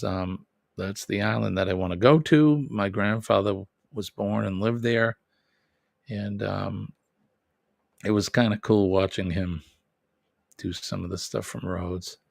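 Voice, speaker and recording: In a clean studio recording with no echo, a low, creaky-voiced man with a Boston accent hosts an easygoing live stream. The New Englander goes through viewer comments, rambling, self-correcting and chuckling frequently.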